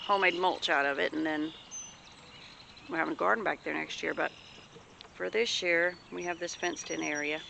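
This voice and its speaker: A woman from the American Deep South with a Southern accent, chatting casually in a folksy, homespun way as she shows viewers around outdoors. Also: gravelly, fairly bright tone. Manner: folksy, homespun, plain-spoken. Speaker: homesteader vlogger. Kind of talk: casual rambling show-and-tell chat. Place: outdoors in a rural yard. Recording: noisy outdoor recording with birds.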